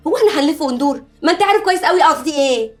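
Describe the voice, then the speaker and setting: A woman's voice: high-pitched, lively intonation, racing, darkish tone, faint music behind. An actress with an Egyptian accent playing a divorced woman who angrily accuses the man who used her, in a film drama. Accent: Egyptian Arabic. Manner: accusing, indignant. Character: bitter divorced woman, betrayed lover.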